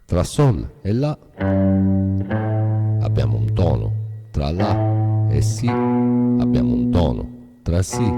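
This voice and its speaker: A man's voice: lowish voice, gravelly, big-room sound. A man teaching music theory as a guitar teacher, explaining step by step in a patient, methodical way.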